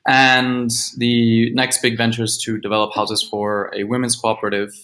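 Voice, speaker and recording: A man from Guatemala giving a prepared grant pitch on a video call, listing his points steadily with a few fillers. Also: monotone, moderate pace, sharp tone, poor audio. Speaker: grant finalist presenting.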